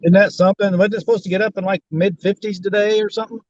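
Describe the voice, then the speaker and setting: A man's voice: sits high, steady tone, racing, darkish tone. A man joining a livestream over a call, easygoing, answering with short agreeing remarks. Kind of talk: casual chat over a call. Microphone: computer mic on a stream call. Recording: muffled, faintly noisy call audio.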